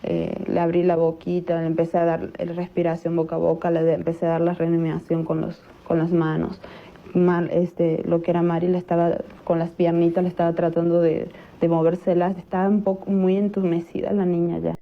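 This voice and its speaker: A woman speaks low and flat with a gravelly, creaky edge. She recounts past events haltingly, stopping to restart with fillers. The audio sounds a little dull. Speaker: interview guest.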